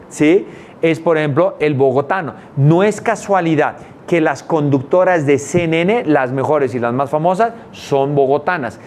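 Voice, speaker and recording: A man teaching a course, talking emphatically, repeating words for stress and checking in with quick tag questions. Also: a little high, a little mellow, slight background noise. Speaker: business culture instructor. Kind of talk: explanatory talk to students.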